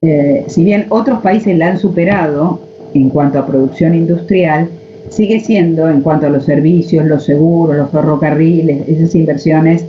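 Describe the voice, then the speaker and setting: A woman's voice: low-pitched, moderate pace, dark tone. A woman with an Argentine accent teaching a history class over a video call, lecturing and posing rhetorical questions to her students. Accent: Argentine Spanish. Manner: lecturing, asks rhetorical questions, frequent "este" fillers. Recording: muffled online call audio, faint noise.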